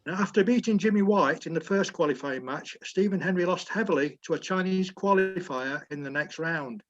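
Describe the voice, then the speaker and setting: A high-voiced man reads the week's sports news to his group, steady and plain, fixing his own slips. The video call sound is dull and muffled. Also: fairly quick. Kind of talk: reading sports news aloud.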